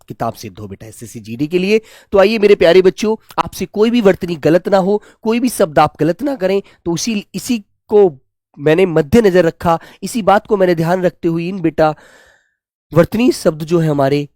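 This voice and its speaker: A man teaching Hindi spelling for an exam. He addresses students fondly as dear children, his voice rising loud on each new word and dropping soft on each reminder. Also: a little high, no room sound, clean studio sound. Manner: affectionate, repeatedly calls students "my dear children" and "beta". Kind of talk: exam-prep spelling lesson.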